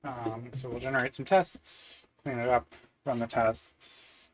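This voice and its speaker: A man's voice: mid-range voice, flat delivery, unhurried, noisy background. A man, thinking aloud while coding on a live stream, muttering to himself with many fillers and wry self-deprecating asides. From Canada. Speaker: software developer live-streaming. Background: keyboard typing.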